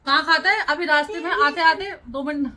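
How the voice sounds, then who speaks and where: A woman's voice: high voice, brisk, crowd noise. A young woman chatting at home with her husband, a mother tossing in joking asides for the camera. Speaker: vlogger's wife, mother. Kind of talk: casual family chat. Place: family home, indoors. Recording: noisy home recording.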